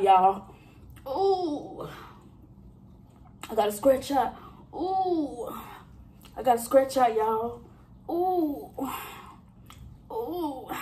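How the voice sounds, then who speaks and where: During her mukbang, a thirties-aged woman vlogger addresses her viewers head-on in easy conversation, with stretched-out exclamations between bites. Her voice is fairly high yet dark in tone, with slight background noise.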